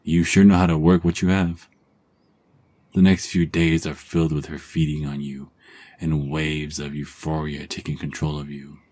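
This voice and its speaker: This soothing second-person story comes from a man narrating in a voice that is extremely deep and slightly husky. His delivery stays calm and unhurried, sinking to a hushed whisper when the story is at its quietest.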